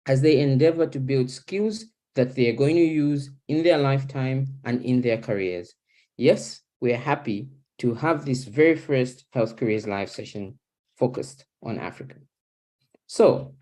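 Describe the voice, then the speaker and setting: A young man from Zambia moderating an online panel over a video call from a small kitchen, speaking in a measured, formal way. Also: on the high side, warm tone. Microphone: laptop webcam video call.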